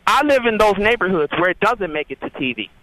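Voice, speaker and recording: An American man in his fifties calling a radio show, arguing casually in a halting way and repeating his words. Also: high voice, sing-song, sharp tone, no echo, low-quality recording. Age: 50s. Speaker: radio phone-in caller. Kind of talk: casual argumentative call-in talk. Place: phone call to a radio show.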